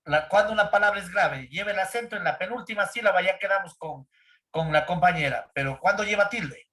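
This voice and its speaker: A man's voice: high-pitched, a little fast, sharp tone. A man teaching an online grammar class, constantly checking in with his students and quizzing them. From Ecuador. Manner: keeps checking in with "¿sí?" and questioning students.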